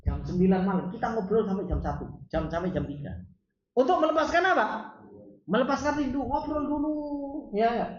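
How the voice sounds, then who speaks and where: Roomy, lo-fi male preacher. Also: sits high. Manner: animated, asks the audience rhetorical questions; reads Arabic lines, then explains them in Indonesian. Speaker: ustaz teaching a religious study circle. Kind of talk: Islamic study lecture. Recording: roomy, dull lo-fi sound.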